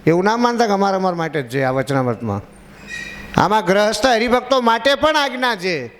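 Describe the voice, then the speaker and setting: A man's voice: high-pitched, very animated, brisk, a bit bright. A man, a monk, giving a devotional sermon to a gathering, telling stories with little acted dialogues and chatting and joking with the audience. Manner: chatty, questions and teases the audience; acts out short dialogues in stories. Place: religious gathering in a park. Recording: reverberant public address with faint background noise.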